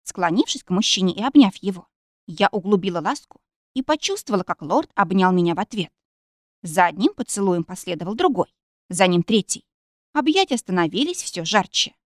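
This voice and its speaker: A woman reading a first-person novel aloud in a soft, expressive storytelling manner. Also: mid-range voice, a little fast, no room sound, studio quality. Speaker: audiobook narrator. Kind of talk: first-person audiobook narration.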